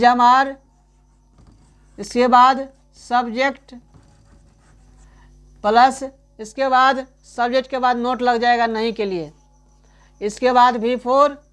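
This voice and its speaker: High-voiced man teaching chattily. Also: fairly bright tone, smooth. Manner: keeps asking "right?" and calling the listener "my friend"; repeats example sentences slowly for emphasis. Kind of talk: chatty online grammar lesson.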